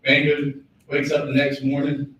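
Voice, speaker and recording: A young man spins a long shaggy-dog joke for a meeting and leans on dramatic pauses and repeated lines. He is picked up from far off in a very echoey room. A faint hum of room noise sits under him. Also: on the high side, monotone, a bit bright. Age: young adult. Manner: storytelling with dramatic pauses, acted quotes, repetitions. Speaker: student senator telling a joke.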